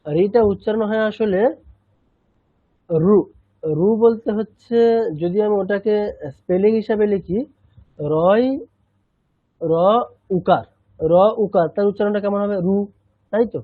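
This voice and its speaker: A man teaching a chanting class, patiently explaining and slowly repeating sounds, sometimes switching into English. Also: sits high, no echo. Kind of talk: online language lesson. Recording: tinny phone-like line.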